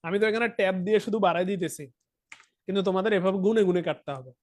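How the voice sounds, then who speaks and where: A man's voice: high voice, racing, darkish tone. A young man with a Bangladeshi Bengali accent, teaching an accounting lesson online. He talks straight to his students and keeps asking whether they follow. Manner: talks directly to students, asks frequent check questions. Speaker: accounting tutor. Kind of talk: online lesson, explaining while writing on a tablet.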